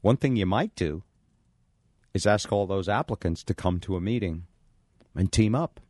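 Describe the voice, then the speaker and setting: Lively low-voiced male radio host, dry studio. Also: normal speed, no room sound. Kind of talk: radio talk and live-read ads.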